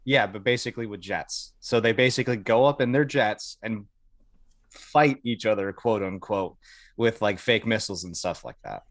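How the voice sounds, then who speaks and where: In clean, dry studio sound, a lowish-voiced American man speaks at normal speed as a podcast guest. The Air Force veteran tells stories casually and informally, with occasional swearing and bits of acted dialogue.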